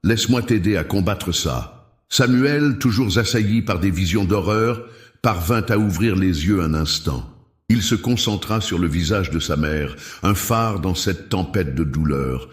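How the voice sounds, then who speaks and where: A man tells a suspenseful story in a slow, dramatic manner. His voice is very deep, and the recording has a roomy echo. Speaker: narrator. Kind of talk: dramatic scripted narration.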